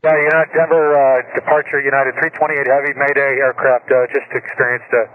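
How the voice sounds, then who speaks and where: A man's voice: mid-range voice, little pitch movement, moderate pace, dry recording. A man, an airline pilot, speaking terse radio phrases over a cockpit headset transmission during an emergency. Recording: tinny radio line with faint hiss.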